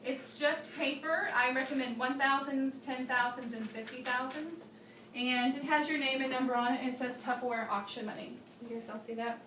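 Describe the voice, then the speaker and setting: A woman's voice: high voice, fairly even intonation, moderate pace, bright, forceful tone, slight background noise. A woman giving a bubbly, chatty Tupperware party training demonstration to a small group, laughing often. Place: room with guests at a party demo. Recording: roomy sound from a distant mic.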